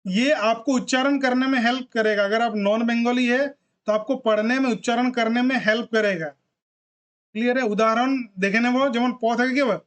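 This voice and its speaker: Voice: medium pitch, fairly even intonation, moderate pace. Patient teacher drilling letter sounds. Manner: drills sounds one by one with frequent check-ins. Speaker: language teacher. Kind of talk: classroom lesson.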